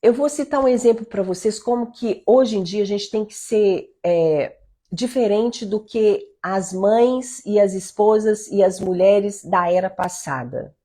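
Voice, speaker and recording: A woman's voice: mid-range voice, unhurried, warm tone. A middle-aged woman giving informal devotional teaching to mothers from her home, earnest and exhorting. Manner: earnest, exhorting, quotes her own talks with her son. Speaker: leader of a mothers' prayer group.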